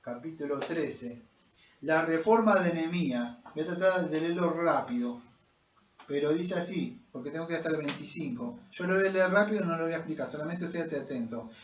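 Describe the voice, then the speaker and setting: A man preaching in church, pushing hard on key words and filling pauses with "eh". His voice sits high and lively. The sound is dull and distant, with a roomy echo around it. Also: slight background noise. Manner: preaching with emphatic rises and many fillers. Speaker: pastor. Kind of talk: sermon.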